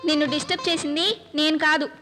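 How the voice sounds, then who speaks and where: A woman's voice: high voice, fairly even intonation, quick pace, close to an everyday voice. A woman playing a cheeky young woman. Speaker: young heroine. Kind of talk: film dialogue. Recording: film soundtrack with music.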